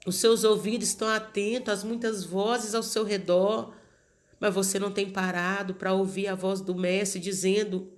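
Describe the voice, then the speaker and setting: A woman with a Brazilian Portuguese accent delivers a sermon in an earnest, insistent way. She circles back over the same phrases and speaks directly to her listeners as beloved, in a voice of ordinary middle pitch. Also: fairly even intonation, moderate pace. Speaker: preacher.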